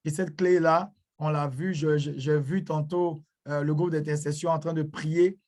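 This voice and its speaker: A man's voice: fairly high pitch, steady tone, moderate pace, darkish tone. A man speaking at an online church conference, greeting and blessing people with frequent hesitations.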